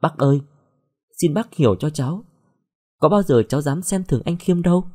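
Young woman, heartbroken, pleading, tearful, soft and lively, as a narrator puts her on. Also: fairly high pitch, moderate pace, voice pushed up.

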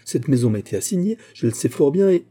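A man's voice: mid-range voice, animated, quick pace, mellow, husky, voice pushed up. A man voicing a grieving young orphan woman who speaks faintly but with solemn defiance. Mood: defiant.

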